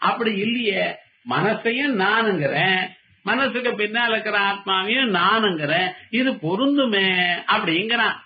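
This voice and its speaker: A man with a high voice gives a spiritual discourse on a muffled, lo-fi recording. He chants verses in a slow, measured way. He then explains each one in everyday speech, full of questions he asks and answers himself. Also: expressive. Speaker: Vedanta teacher. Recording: dull lo-fi recording.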